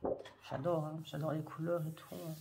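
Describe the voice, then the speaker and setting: A woman's voice: sits low, level tone, moderate pace, gravelly, warm tone, slight background noise. A woman chatting hesitantly in a craft haul vlog, full of fillers and gushing over cute items. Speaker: scrapbooking haul vlogger. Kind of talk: casual show-and-tell chat.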